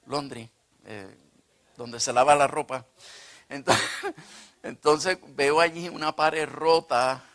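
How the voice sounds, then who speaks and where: A male pastor telling a personal story in a sermon, animated and acting out the dialogue. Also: mid-range voice.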